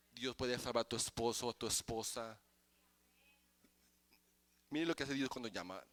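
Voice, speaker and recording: A male pastor preaching a sermon in church, moving from quiet explanation to loud, chanted exhortation. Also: medium pitch, no echo. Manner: starts quiet and builds to shouting, chanted preaching.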